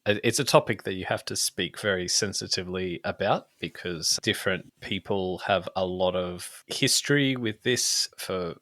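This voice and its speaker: A man's voice: deep voice, moderate pace, hardly any pauses, a bit bright, no room sound. A man co-hosting a podcast, speaking in a hesitant, earnest way with many fillers. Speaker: podcast co-host. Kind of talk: casual chat.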